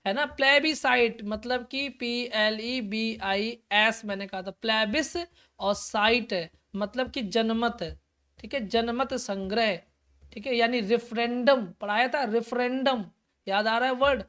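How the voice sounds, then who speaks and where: Woman exam tutor, fairly high voice, encouraging and patient, repeats and spells out answers. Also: fairly even intonation, fairly bright tone. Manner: encouraging, calls students "beta", repeats and spells words slowly. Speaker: exam-prep teacher. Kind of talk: live online class.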